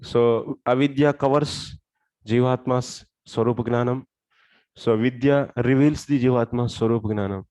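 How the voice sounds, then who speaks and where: A man's voice: medium pitch, steady tone, a little slow, a little mellow, no echo. A man with a South Indian accent teaching a religious lesson step by step, often putting questions to his listeners. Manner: explains step by step, asking questions. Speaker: scripture teacher.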